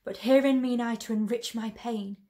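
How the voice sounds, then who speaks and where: A young woman playing a lovelorn tragic heroine in a classical Shakespeare monologue, sorrowful and measured, with long theatrical pauses. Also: on the high side, steady tone, dark tone, distant mic, close to an everyday voice. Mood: pained resolve. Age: young adult. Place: small bedroom, indoors. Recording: roomy echo.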